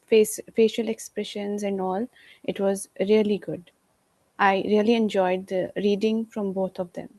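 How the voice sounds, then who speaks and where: A woman's voice: medium pitch, warm tone. A woman giving casual, appreciative feedback as a guest.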